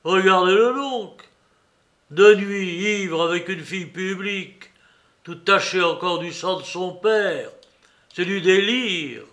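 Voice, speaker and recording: A furious old police chief, as a man reads him roars accusations in a raised, bright voice. He trembles with anger and hammers every word. It is an audiobook reading of a classic novel. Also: high-pitched, slow, voice pushed up. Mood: indignant. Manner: raging, accusing outbursts.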